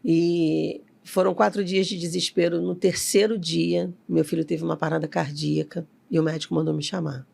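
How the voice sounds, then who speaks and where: A woman's voice: fairly low pitch, steady tone, normal speed, creaky, hardly any pauses, a little mellow. A middle-aged woman, a company CEO telling a personal story as an interview guest and acting out the voices she quotes.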